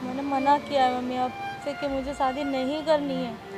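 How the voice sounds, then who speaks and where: A woman's voice: sits high, level tone, normal speed, music in the background, close to an everyday voice. An actress playing a distressed young widow who pleads with her stepmother in a staged drama. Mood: pleading. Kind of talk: staged social drama acting.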